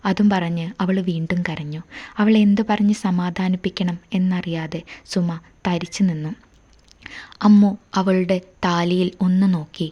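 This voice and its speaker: A woman reading a family love story aloud in a soft, even storytelling voice. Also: lowish voice, muffled recording.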